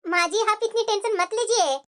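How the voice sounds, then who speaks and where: A woman voicing a kind, patient young daughter-in-law in a cartoon, calmly placating her mother-in-law. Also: extremely high pitch, moderate pace. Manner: patient, soft-spoken, placating. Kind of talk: cartoon voice acting.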